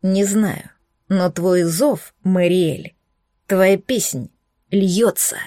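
A woman voicing a strained, brooding male coral dragon prince who speaks slowly and low. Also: mellow, dry recording, clean studio sound. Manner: slow, low, groaning delivery.

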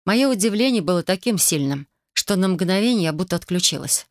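A woman's voice: lowish voice, a little fast, dry recording, clean studio sound. Woman narrating a romance audiobook. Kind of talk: first-person scripted narration.

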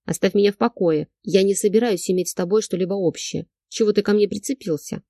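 A woman voicing a frightened but defiant young woman who snaps back in sharp outbursts. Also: mid-range voice, lively intonation, a little fast, no room sound, studio quality, lightly acted.

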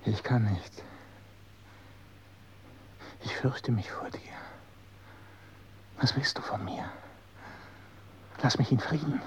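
A scared bitter friend, husky whispery gravelly voice, slow, old radio play sound. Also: male voice, medium pitch, darkish tone, muffled recording, slight background noise. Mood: fearful bitter. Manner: fearful, bitter. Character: frightened hateful man, the friend. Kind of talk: 1960s radio drama.

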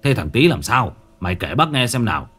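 A man voicing an older village man who calmly takes charge and questions the children, in a spoken ghost story. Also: medium pitch, brisk, husky, faint music behind. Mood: firm. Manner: firm, coaxing questions.

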